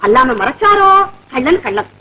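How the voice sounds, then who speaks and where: A woman's voice: high voice, big pitch swings, moderate pace, bright, forceful tone, highs cut off, a little hiss or hum, exaggerated voice. An actress playing a meddling, scheming married neighbor woman in a classic film comedy, talking in a bossy, gossipy way full of theatrical exclamations. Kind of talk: 1970s Tamil film comedy acting.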